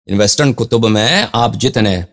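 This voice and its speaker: A male religious scholar giving a Quran commentary lecture, reading Arabic passages slowly and explaining them, repeating phrases for emphasis. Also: medium pitch, fairly bright tone.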